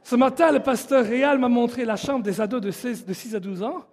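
A man's voice: very high voice, brisk, a little mellow, slight background noise. A man preaching a sermon in an emphatic way and leading the congregation, recorded in a church hall. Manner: emphatic, leads the congregation in song. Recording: long hall reverb.

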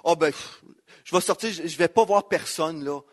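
High-voiced Quebec French pastor preaching. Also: male voice, normal speed. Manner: emphatic, repeats key phrases, quotes scripture. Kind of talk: sermon.

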